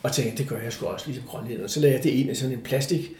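An older man telling a story from his life in a casual interview, animated, acting out the voices of the people in it. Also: mid-range voice. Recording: echoey room.

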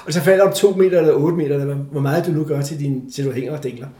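An older man telling a story from his life in a casual interview, animated, acting out the voices of the people in it. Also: fairly high pitch. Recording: echoey room.

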